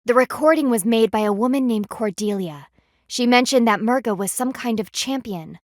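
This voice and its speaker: In scripted video game voice acting, a woman with a fairly high-pitched voice plays a stern, proud panda warrior, lightly acted at normal speed. Her diction is haughty and precise, the mood formal and serious, with studio-quality sound and no room echo.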